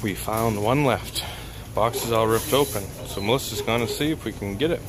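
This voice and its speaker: A man's voice: fairly low pitch, moderate pace. A middle-aged man, chatty and upbeat, narrating a casual vlog to a handheld camera. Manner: chatty and upbeat, talks to viewers as he goes. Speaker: vlogger and truck driver. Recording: noisy handheld recording.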